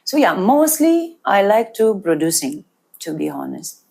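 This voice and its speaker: A woman from Ukraine with a Ukrainian accent, speaking animated, broken English as a guest in a studio interview. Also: mid-range voice, unhurried, gravelly. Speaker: guest musician and DJ. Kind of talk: casual interview.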